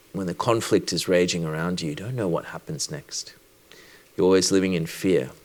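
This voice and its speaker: A Sri Lankan doctor whose voice sits low gives a personal conference talk. He sounds reflective and measured, pausing deliberately as he goes.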